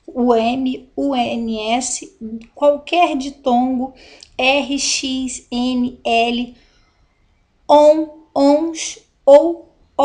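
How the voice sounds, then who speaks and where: A young adult woman, giving a grammar lesson in a slow, deliberate way and spelling out examples. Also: fairly high pitch. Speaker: teacher.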